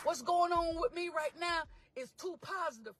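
A woman preacher, giving a motivational sermon with call-and-response, shouting and half-singing. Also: extremely high pitch, normal speed, dry recording, soft background music.

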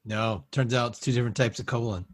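A man playing a sensible, skeptical patient with hesitant, deadpan questioning in an improvised comedy sketch. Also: mid-range voice, fast talker, no echo, natural voice. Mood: awkward. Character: sensible, skeptical male waiting-room patient.

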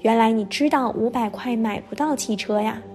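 A woman reading the lines of a calm, patient elderly male monk, asking gentle questions. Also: on the high side, moderate pace, faint music behind, natural voice.

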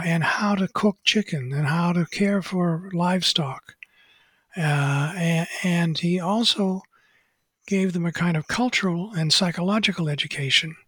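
An older man, an author being interviewed, recounting stories slowly and hesitantly with many pauses. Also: a little high, husky, no room sound. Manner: hesitant, many "uh" pauses, quotes others in a hushed voice. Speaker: author and photographer interviewed as guest. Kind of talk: unscripted storytelling interview.

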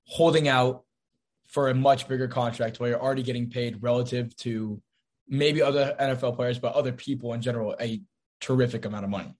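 A man's voice: medium pitch, steady tone, fairly quick, a little mellow. A young man hosting a casual sports podcast, teasing and confident, steering it from segment to segment. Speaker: podcast host.

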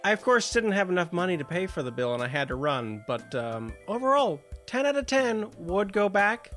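Rambling deadpan comic storyteller, man. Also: high-pitched, moderate pace, faint music behind. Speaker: comedy podcast performer, restaurant reviewer in sketch. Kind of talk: comedic improvised sketch.

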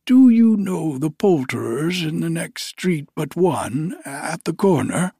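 A man voicing an elderly, formerly miserly man who is now giddy with delight, exclaiming in a high, breathless voice. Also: very animated, slow, gravelly, mellow, breathy edge, dry recording, clean studio sound, full character voice. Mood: overjoyed.

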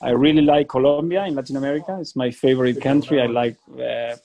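A man from Argentina with an Argentine Spanish accent, a chef answering interview questions in a hesitant, halting way with many fillers. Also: medium pitch, steady tone, warm tone. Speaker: chef, guest.

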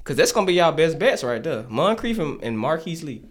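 A man talking football with a friend, his pitch swinging all over the place. He is animated, cursing and laughing as he goes. The talk is loose and casual. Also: brisk, a little hiss or hum. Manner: animated, swears a lot, laughs often. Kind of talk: casual sports chat.

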